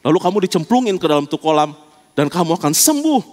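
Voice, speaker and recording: A man voicing God as a calm male figure who gently reassures a sick man. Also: a little high, fast talker, long reverb tail. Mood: reassuring.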